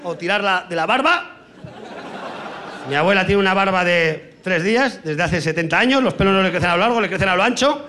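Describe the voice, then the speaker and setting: A man from Spain doing a crude stand-up comedy monologue on stage, with brash punchlines and sudden shouted sound effects. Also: high voice, a little fast, slight background noise.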